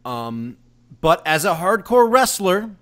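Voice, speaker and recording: A man's voice: high voice, very animated, slow pace, fairly bright tone. A man co-hosting a podcast, rambling through his argument with many fillers and giggles. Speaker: podcast co-host. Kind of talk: casual debate.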